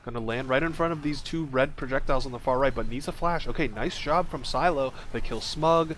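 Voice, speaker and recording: A man casting a live video game match play-by-play, quick and relaxed, with small jokes. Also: medium pitch, a little hiss or hum. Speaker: esports play-by-play caster. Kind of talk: casual live game commentary.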